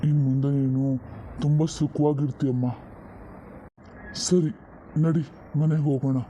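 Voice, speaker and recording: Man voicing cartoon old grandfather, stern yet doting, slightly high, very dark tone, dull lo-fi sound. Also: little pitch movement, a little slow, a little hiss or hum, natural voice. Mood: fatherly. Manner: scolding, then fond.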